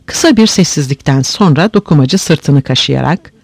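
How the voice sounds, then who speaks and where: A man narrating a story aloud in an expressive, animated way. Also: on the high side, moderate pace, vocal fry, slightly rough, dry recording.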